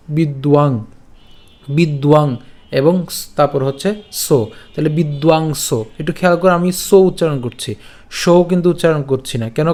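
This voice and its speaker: A man teaching scripture recitation over slides, breaking words into syllables slowly and patiently, often checking that listeners follow. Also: on the high side, a little mellow. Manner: patient, repeats each syllable, checks understanding. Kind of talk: slow syllable-by-syllable pronunciation lesson.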